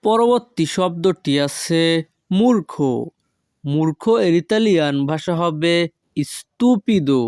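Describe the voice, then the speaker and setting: A man with a fairly high voice teaches vocabulary in a very slow, measured drill. He stretches each foreign word out with care and repeats it. His voice sounds dry and close, with no room around it. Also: animated, darkish tone, no room sound. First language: Bengali. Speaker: language teacher.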